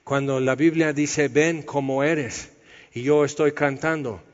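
A man preaches a sermon, his voice sitting on the higher side. He teaches in a conversational, explanatory way. The sound is dull and slightly muffled, with a long reverb trailing off in a church hall. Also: steady tone, measured pace.

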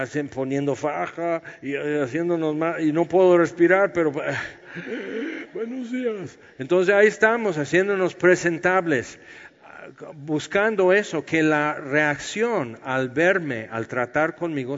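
A man preaching a conversational sermon, explaining scripture and acting out its dialogue. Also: fairly high pitch. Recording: dull, long-reverb hall sound.

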